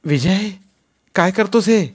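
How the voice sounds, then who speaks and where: A man voicing an anxious young woman who tries to calm a quarrel, pleading and placating, in a storybook reading. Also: high voice, slow pace, breathy edge, voice pushed up, full character voice.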